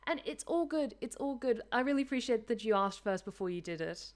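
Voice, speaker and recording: A woman streams a game while chatting casually with viewers, talkative and self-deprecating, reading the chat aloud. Her voice is fairly high, expressive and fairly quick.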